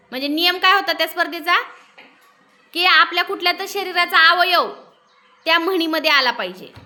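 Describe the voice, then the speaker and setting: Bright-voiced woman teaching a class. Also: high-pitched. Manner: explains and quizzes the class. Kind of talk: classroom lesson, reading a story aloud.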